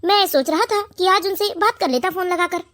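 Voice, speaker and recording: A naive, polite young brother-in-law in an animated family cartoon, as a performer voices him. He speaks in a very high, plaintive voice. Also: a little fast.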